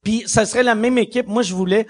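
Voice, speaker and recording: Casting: husky, higher-pitched man, Quebec French accent, forties, podcast host, quick profane storytelling. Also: fairly even intonation, darkish tone. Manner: rapid, profane storytelling with frequent laughs. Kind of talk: casual chat before a live audience.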